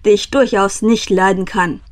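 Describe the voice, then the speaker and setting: A woman voicing a grumpy, bearded male broom-maker in a storybook reading, gruff and grumbling. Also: mid-range voice, steady tone, normal speed, lightly acted.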